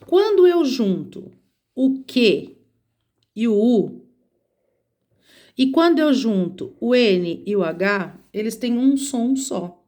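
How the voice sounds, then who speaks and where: Slow, patient Brazilian teacher woman. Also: a little high, sing-song, dark tone. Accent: Brazilian Portuguese. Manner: patient, explains step by step, counts letters aloud. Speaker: schoolteacher. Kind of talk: recorded remote lesson for children.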